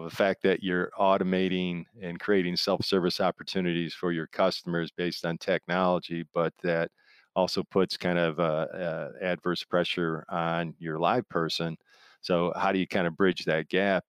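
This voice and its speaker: An interview guest who is a software industry expert explains his field in a notably flat, low-key melody. He talks in a wandering, conversational way, working through analogies and imagined quotes. The audio is dry, close and smooth, with no echo.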